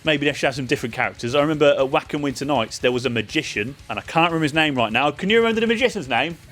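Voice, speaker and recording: A man's voice: a little high, animated, rapid-fire, fairly bright tone. A man giving a casual, chatty spoken review of a festival, loose and full of ums and uhs. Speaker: vlogger reviewing a metal festival.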